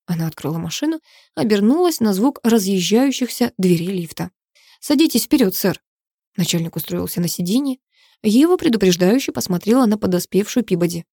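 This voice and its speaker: Woman reading a crime audiobook, mellow voice, dry close sound. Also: mid-range voice, a little fast, husky, no echo. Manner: steady, dramatic storytelling. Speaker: audiobook narrator. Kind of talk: scripted narration.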